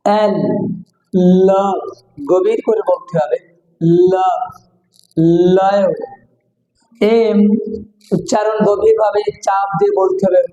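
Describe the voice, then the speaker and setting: A man's voice: high voice, steady tone, mellow, lo-fi sound, soft background music. A man with a Bangladeshi accent giving an English pronunciation lecture, drilling each sound by saying it several times. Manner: slow, repeats words several times for drill. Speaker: English teacher. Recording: echoey hall with long reverb.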